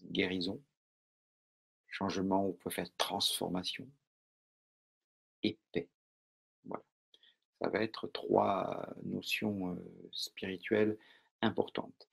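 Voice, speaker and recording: Un homme avec un accent français donne un cours en direct sur le mentalisme, d'un ton calme et posé, avec beaucoup de pauses et d'hésitations. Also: male voice, low voice, creaky, husky. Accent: French. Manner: calm, measured, with many pauses and fillers. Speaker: mentalism teacher. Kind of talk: live online lesson.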